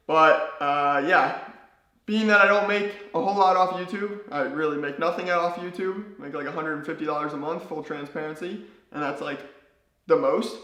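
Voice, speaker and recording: Hoarse young man in an echoey garage. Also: high voice. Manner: relaxed, rambling, many fillers. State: hoarse, losing his voice. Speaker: car-build YouTuber. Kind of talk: casual vlog talk to camera. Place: home garage.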